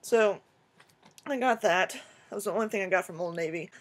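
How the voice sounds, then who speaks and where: A young woman chatting casually in a rambling, excitable way as she shows off her shopping haul to the camera. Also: mid-range voice, fairly quick, slight background noise. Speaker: vlogger. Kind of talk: casual haul video chat.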